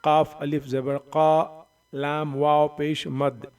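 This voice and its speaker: A man teaching Quran reading, slowly sounding out letters and syllables, drawing out the long vowels, with a voice that cracks when he strains it. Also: fairly high pitch, level tone, a little mellow, clean tone, recorded from a distance. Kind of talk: Noorani Qaida recitation lesson.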